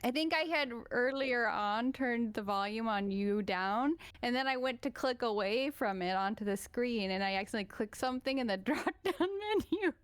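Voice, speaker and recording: A woman chatting as a player at a tabletop game, giggly and quick to apologize. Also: a little high, animated, smooth, no room sound. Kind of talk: casual chat at a tabletop game.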